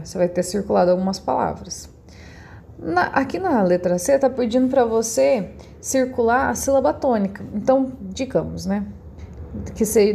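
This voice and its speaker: A Brazilian woman teaching a recorded class, her voice mellow and darker in tone with a gravelly fry at the edges. She explains each step slowly and patiently, as if to young children. A faint hum of noise sits behind her. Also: medium pitch. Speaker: schoolteacher.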